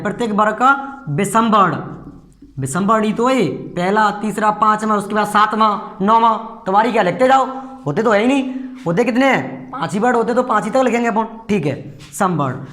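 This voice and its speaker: A man's voice: sits high, animated, a little fast, fairly bright tone, echoey room. A man teaching a grammar lesson, explaining step by step and asking his students rhetorical questions. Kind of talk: classroom lecture.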